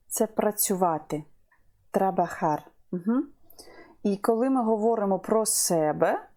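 Female language tutor, unhurried and warm, patient drill of verb forms. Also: medium pitch. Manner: slow and patient, repeats each verb form. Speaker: language teacher. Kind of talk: online Spanish lesson.

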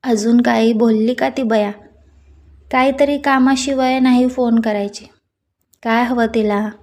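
Loud blunt young girlfriend, super loyal, hot-headed, lady narrator doing her, high-ish voice. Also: steady tone, unhurried. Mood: fiery. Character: brash fiercely loyal young woman friend.

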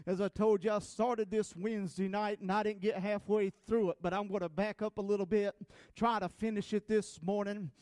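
A man preaching and praying in a church. His voice sits very high for a man and comes across dry and close. He reads scripture slowly and emphatically and rises to fervent shouted exclamations. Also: steady tone, no echo. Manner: fervent, builds to shouted exclamations with frequent "uh" and "amen". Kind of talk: Pentecostal-style sermon and prayer. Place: church sanctuary.

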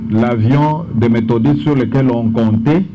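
A man preaching outdoors in short phrases, pausing for his interpreter. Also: medium pitch, muffled recording, background noise. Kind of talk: sermon with interpreter. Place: outdoor tent.

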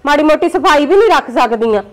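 A woman's voice: high voice, lively intonation, fast. A middle-aged woman, acting a scornful, meddling aunt in a village family drama series. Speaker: paternal aunt (bhua) pushing a match.

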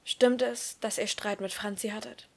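A woman's voice: medium pitch, fairly even intonation, normal speed, creaky, fairly bright tone. A woman reading the lines of a hurt teenage boy who pleads and grows upset, his voice rising. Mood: pressing. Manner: emotional, voice rising when upset.

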